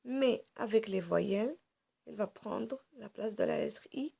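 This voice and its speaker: A woman's voice: medium pitch, a little slow, gravelly, mellow, breathy edge. A woman teacher giving a phonics lesson to small children, explaining step by step and patiently repeating each sound several times. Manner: explains step by step while drawing on a board.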